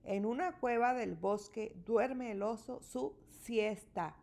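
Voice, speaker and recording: A woman reading a children's rhyming picture book aloud with an expressive, rhythmic delivery. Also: fairly high pitch, takes it slowly, creaky. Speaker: storybook reader.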